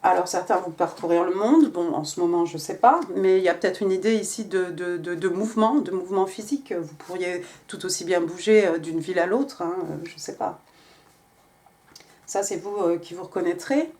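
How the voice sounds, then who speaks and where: A woman's voice: on the low side, moderate pace, darkish tone. A woman giving a casual tarot reading, talking with many hesitations and restarts. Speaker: tarot reader.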